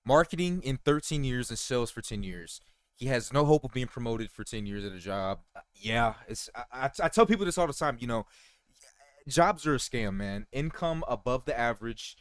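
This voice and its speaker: A reaction video host in his thirties rambles casually, talking straight to his viewers with plenty of fillers and swearing, repeatedly calling them "you guys." His mid-range voice has lively intonation at normal speed, and there's no room sound.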